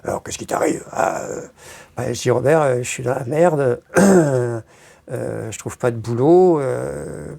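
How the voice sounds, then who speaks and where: A woman's voice: a bass voice, slow, gravelly, warm tone. A woman being interviewed, telling stories in a rambling casual way, with many hesitations and crude slang. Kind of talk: casual storytelling.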